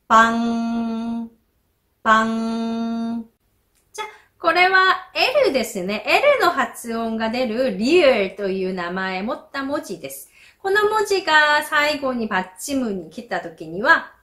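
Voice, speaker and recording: A young woman who grew up speaking Korean, teaching pronunciation in a slow, patient way and repeating each sound as an example. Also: high-pitched, a bit bright. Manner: models sounds slowly and repeats them.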